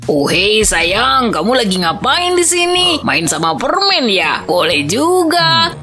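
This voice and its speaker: A woman voicing a gentle, doting young father in a dubbed comedy sketch. She speaks in a soothing, patient way. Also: high-pitched, big pitch swings, slow, heavily acted. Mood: fond. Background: background music.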